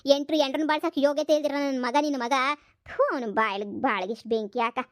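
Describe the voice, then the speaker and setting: A woman voicing a loud, combative village mother in a cartoon comedy, scolding rapidly. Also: high-pitched, steady tone, dry recording, clean studio sound, lightly acted. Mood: furious. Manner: shouting accusations, rapid scolding.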